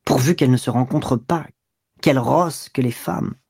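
A man's voice: medium pitch, moderate pace, gravelly, darkish tone, breathy edge, dry recording. Male reader playing a harsh, scornful young lover, storybook reading, brusque, dry close sound. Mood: grumbling. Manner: brusque, sneering. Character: curt, scornful young man, a cynical lover.

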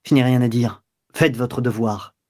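A man's voice: medium pitch, normal speed, darkish tone, close to an everyday voice. A man reading aloud, voicing a haughty government minister who stammers and then turns proud and indignant. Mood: cornered pride. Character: haughty male government minister caught in adultery.

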